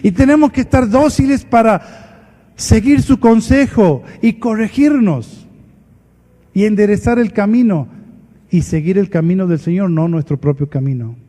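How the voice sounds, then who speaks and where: A man preaches a sermon at a conference retreat. His voice sits high for a man and sounds mellow rather than bright. He acts out the dialogue in his examples emphatically, and the sound trails off in the long reverb of a large hall. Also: moderate pace.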